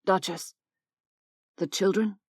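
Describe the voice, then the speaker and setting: A woman voicing a wounded male vampire, hoarse and croaking, talking in a strained, grating way. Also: mid-range voice, fairly even intonation, slow, darkish tone, no room sound, studio quality.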